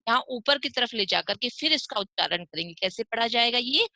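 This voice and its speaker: A woman's voice: fairly high pitch, lively intonation, a little fast, gravelly, sharp tone, dry recording. A woman teaching a primary school class online. She asks questions and answers them herself, and stretches out each sound as she drills pronunciation.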